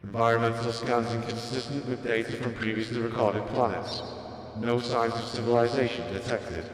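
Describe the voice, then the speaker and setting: A man's voice: medium pitch, steady tone, moderate pace, faint music behind, close to an everyday voice. A man doing a stiff robot unit voice. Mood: flat. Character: emotionless robot assistant unit. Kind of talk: fan voice-over of game dialogue. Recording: very echoey room with long reverb.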